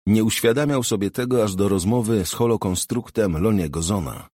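A man reads a novel aloud in a steady, measured way. His voice is low and husky. The recording is dry and close, with no room sound. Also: no echo. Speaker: audiobook narrator. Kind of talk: scripted narration.

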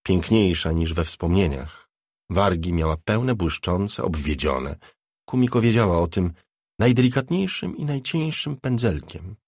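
Low-voiced male audiobook narrator. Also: no room sound, studio quality. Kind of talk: scripted narration.

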